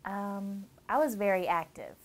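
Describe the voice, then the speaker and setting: With a medium-pitched voice and a measured pace, a German-raised woman in her thirties talks about her childhood. She's an interviewee and bride-to-be, cheerful and chatty, laughing a lot and using many fillers in her relaxed answers.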